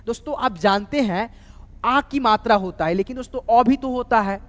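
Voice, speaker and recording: A man's voice: very high voice, normal speed, a bit bright. A man giving a spoken lesson on writing names, spelling words out letter by letter and often checking back with his students. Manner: keeps saying "doston" and "theek hai", spells words out letter by letter. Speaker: English teacher. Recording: reverberant room recording.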